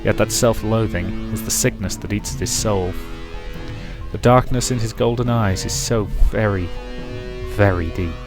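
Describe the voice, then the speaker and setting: Male Let's Play reader: dramatic, measured visual novel narration, lower register, clear musical backing. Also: over music.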